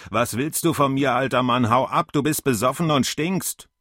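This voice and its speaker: A man voicing a hostile young man who snaps sharp, curt replies. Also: medium pitch, normal speed, no room sound, clean studio sound, pitched above the performer's own voice. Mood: contemptuous. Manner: sharp, snapping.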